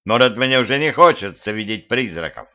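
A man's voice: medium pitch, animated, fairly quick, natural voice. A man voicing a panicky, cheeky middle-aged man who whines and blusters, in a humorous audiobook. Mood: whining. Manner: whining, blustering. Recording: muffled lo-fi home recording.

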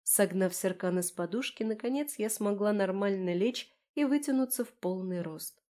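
A woman narrating a first-person audiobook in a wry, expressive way. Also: medium pitch, normal speed.

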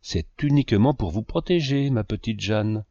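A man reading the lines of a scheming, self-pitying man who flatters and presses a young woman, in a low voice with a lively pitch. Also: normal speed, dry recording. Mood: insistent. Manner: insistent, flattering. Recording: dull lo-fi dry recording.

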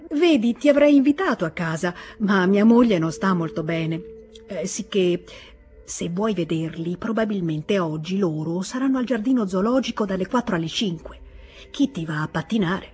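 A woman's voice: mid-range voice, animated, normal speed, darkish tone, faint music behind, natural voice. A woman reader voicing a jovial, hearty middle-aged official in a novel reading.

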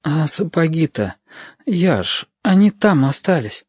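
A high, anxious young boy, put on by a man reading aloud, asking one worried question after another. The voice sits well above the reader's own. It is dry and a little dull, like an old recording. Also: sing-song, slow pace, a little mellow, breathy edge, no echo, full character voice. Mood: eager, anxious.

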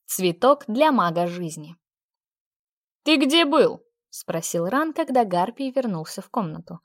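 A woman reading a novel aloud as an audiobook narrator, in a steady, measured storytelling manner. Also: fairly low pitch, dry recording, clean studio sound. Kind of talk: scripted narration.

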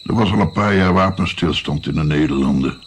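An actor in a radio play portrays an older musician and physician looking back on his naive youth, reflective, hesitant, and wry. His voice is extremely low and fairly quick, with slight background noise.

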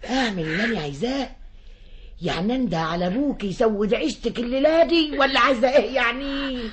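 A woman's voice: on the high side, fast talker, a little hiss or hum, close to an everyday voice. An actress playing a bustling Egyptian village mother who scolds her daughter and fawns over a grand lady, in a 1960s radio drama. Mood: scolding. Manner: scolding, then fawning to the lady. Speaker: the girl's mother.

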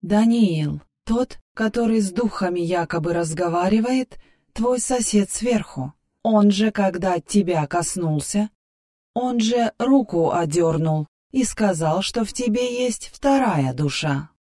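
A woman voicing a capricious female artificial intelligence who lives in the hero's head, talking softly and musingly in an audiobook. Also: mid-range voice, animated, a little slow. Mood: pensive. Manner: soft, musing, wheedling. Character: capricious female AI partner inside a man's head. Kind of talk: audiobook character voice.

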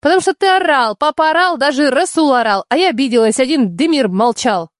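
A male audiobook reader voicing a quick-tongued, stubborn young bride who fires back defiant retorts. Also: very high-pitched, expressive, a bit bright, no room sound, studio quality, pitched above the performer's own voice.

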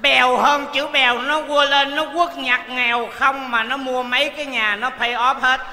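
A man's voice: very high-pitched, level tone, normal speed, slight background noise, heavily acted. An actor playing a broke male folk-opera actor in a stage comedy sketch, teasing and exasperated. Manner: teasing, exasperated, loud and playful. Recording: echoey hall stage recording.

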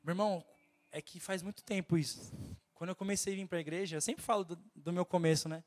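A man with a Brazilian Portuguese accent delivers an impassioned sermon, his voice noticeably nasal and pitched high for a man. He exhorts the congregation again and again, speaking with urgent fervor. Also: steady tone, fast. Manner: fervent, exhorting, keeps repeating "my brother". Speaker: preacher.

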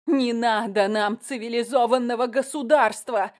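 A woman reading an audiobook, voicing a distraught middle-aged mother who shouts and sobs. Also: fairly even intonation, normal speed, close to an everyday voice. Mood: sobbing, shouting. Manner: shrill, tearful shouting.

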